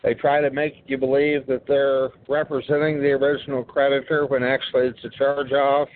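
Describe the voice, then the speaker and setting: Male caller from West Virginia, phone speaker sound, tinny narrow line, middle-pitched, plain informal talk. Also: little pitch movement, normal speed. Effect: heard over a phone speaker. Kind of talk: casual call-in chat.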